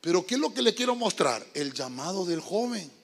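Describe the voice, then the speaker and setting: A man's voice: sits high, big pitch swings, fairly quick, gravelly, slightly rough. A man preaching a youth sermon as pastor, emphatic and calling his listeners brother while quizzing them. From Honduras. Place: church sanctuary. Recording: long reverb of a church hall.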